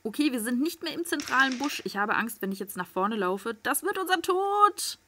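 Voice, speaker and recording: Woman gamer, excitable live commentary, bright and slightly high, swears a lot, loud bursts and tense whispers. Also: brisk. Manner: swears freely, talks to viewers with tag questions. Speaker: let's play gamer.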